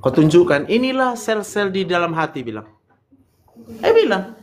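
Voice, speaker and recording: A man's voice: high-pitched, big pitch swings, normal speed. A man lecturing a medical class, firing questions at students, teasing them and joking bluntly. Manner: quizzing students, joking, brash direct address. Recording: roomy echo, faint room noise.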